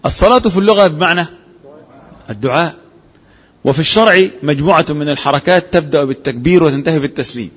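A man's voice: fairly high pitch, fast, slightly rough, muffled recording. Man, Egyptian accent, classroom lecture, rhetorical questions, slightly raised voice, long hall reverb. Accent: Egyptian Arabic. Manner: asks the class rhetorical questions, mixes formal and colloquial speech. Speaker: Islamic jurisprudence teacher.

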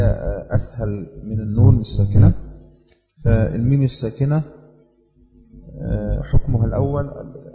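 Gravelly Egyptian man teaching recitation rules. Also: mid-range voice, big-room sound, lo-fi sound. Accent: Egyptian Arabic. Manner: measured, repeats each rule. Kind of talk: tajweed lesson.

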